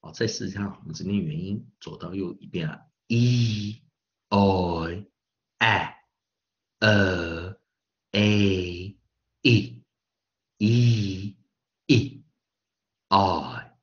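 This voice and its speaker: A male pronunciation teacher giving a classroom lesson, asking the class questions and drilling words by repeating them slowly and stretched out. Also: low voice, a little mellow, muffled recording. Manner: asks the class rhetorical questions.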